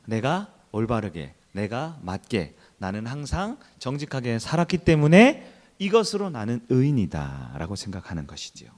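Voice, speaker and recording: A male pastor giving a sermon in church, telling a story with acted-out quotes and swinging between soft and loud. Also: on the low side.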